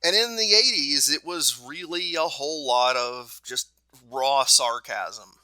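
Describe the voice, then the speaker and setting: A man's voice: mid-range voice, animated, measured pace, sharp tone, no echo. A man co-hosting a podcast, talking casually and thoughtfully, often stopping to search for words. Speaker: podcast co-host. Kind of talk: casual chat.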